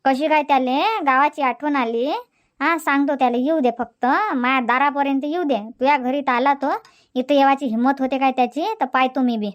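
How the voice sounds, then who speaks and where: Shantabai, a very high fussing village woman voiced by a woman. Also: steady tone, normal speed, muffled recording, close to an everyday voice. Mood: indignant. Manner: emphatic, fussing, indignant. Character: gossipy village neighbour woman, fiery and sympathetic. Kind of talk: cartoon comedy dialogue.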